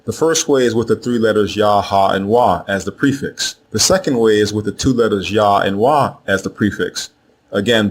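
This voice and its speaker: A man narrating a scripted lesson in a measured way, spelling out letters and saying each name slowly twice. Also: on the low side, a little hiss or hum. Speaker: teacher of Hebrew names.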